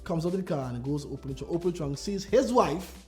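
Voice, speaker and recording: Brief: male podcast co-host, lively storyteller with a fairly high voice, faint music behind. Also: fast talker. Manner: animated, laughing, retells stories with acted voices. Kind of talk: casual podcast chat.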